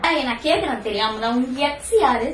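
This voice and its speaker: Young woman, quick mocking retorts, echoey room sound. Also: high-pitched, far from the mic, over music. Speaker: friend being pranked. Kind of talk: casual argument.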